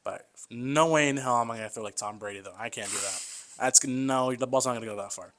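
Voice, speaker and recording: A man's voice: mid-range voice, quick pace. A man in his twenties in a casual podcast conversation as the guest, chatty and loose, often calling the host "man" and acting out voices as he tells stories. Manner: lively storyteller who acts out quoted voices.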